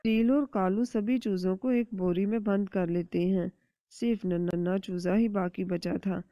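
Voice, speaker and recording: A woman narrating a cartoon story in a calm, even storytelling voice. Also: mid-range voice, no room sound. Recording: dry, dull lo-fi recording.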